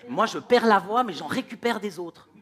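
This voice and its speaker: A man doing stand-up comedy, ranting in an animated, mock-exasperated way. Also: high-pitched, normal speed.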